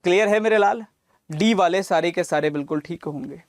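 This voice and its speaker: Speaking a little fast in a high voice, a man coaches exam reasoning online, breaking calculations down one step at a time. The studio-quality audio has no echo, and he fondly addresses students as lalla and mere lal while mixing in English terms.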